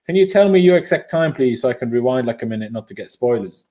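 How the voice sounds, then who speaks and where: A mellow, mid-range male voice, expressive and fast, belongs to a young Austrian fan streamer whose first language is German. He calls a football match live with chatty, opinionated remarks and reads viewer comments aloud as they come in.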